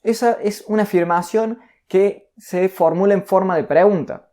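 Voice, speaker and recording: A man teaching a recorded online course on communication. He speaks deliberately, speeding up, slowing down and raising and lowering his pitch to demonstrate his points. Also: warm tone.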